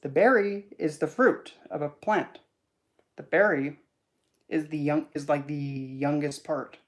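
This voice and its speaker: A speaker giving a casual esoteric teaching talk as a spiritual teacher, in a rambling, animated, chatty way. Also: mid-range voice, unhurried.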